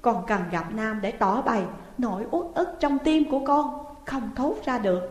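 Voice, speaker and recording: A woman reading an audiobook, voicing a heartbroken young woman in a shrill, pleading voice. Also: moderate pace, lightly acted. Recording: echoey room with long reverb.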